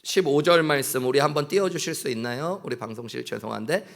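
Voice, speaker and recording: A man's voice: medium pitch, quick pace, creaky, fairly bright tone. A male pastor preaching a sermon in church, earnest, acting out prayers and bits of dialogue. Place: church sanctuary.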